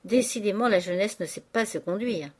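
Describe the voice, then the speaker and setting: A woman reading an audiobook, voicing a cynical male ex-convict lodger with a loud, mocking, swaggering delivery. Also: medium pitch, normal speed, breathy edge, natural voice.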